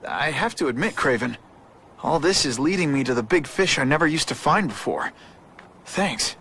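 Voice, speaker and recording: A man's voice: on the high side, lively intonation, moderate pace, a bit bright. A young man with an American accent voicing a wisecracking superhero in a video game, breezy, wry and informal. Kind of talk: video game voice acting, quippy monologue. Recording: clear background noise, game ambience.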